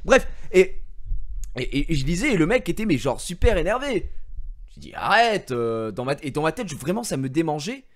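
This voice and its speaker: Lively animated man chatting to viewers. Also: a little high, normal speed. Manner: animated storytelling, swears freely, mocks others in raised voice. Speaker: streamer. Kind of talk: casual chat to viewers. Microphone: gaming headset.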